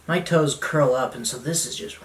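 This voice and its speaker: A young man rambles through a casual home unboxing, chatty and self-mocking. His voice sits at an everyday pitch and comes from a camera mic some way off, with the echo of a bare room. Clicks and a drawer opening or closing are heard behind him. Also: normal speed. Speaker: vlogger. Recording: roomy, distant camera mic, noisy.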